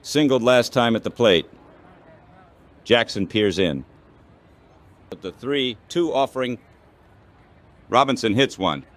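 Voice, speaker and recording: Calling baseball play-by-play for radio, this synthetic man's voice speaks in short, clipped bursts. The pitch is medium and a bit bright, the delivery animated, and the pace slow with long pauses.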